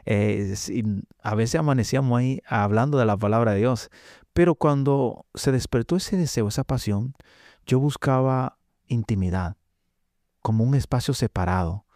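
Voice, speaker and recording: A man's voice: medium pitch, normal speed, a little mellow, no echo, clean studio sound. A man giving an earnest personal testimony as a podcast guest, often hesitating with short filler sounds. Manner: earnest storytelling with frequent hesitations. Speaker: guest preacher. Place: podcast studio.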